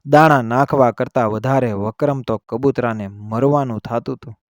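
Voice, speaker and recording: A man voicing a boastful village man who speaks in a raised, hurried voice. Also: mid-range voice, no echo, studio quality, natural voice. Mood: gloating.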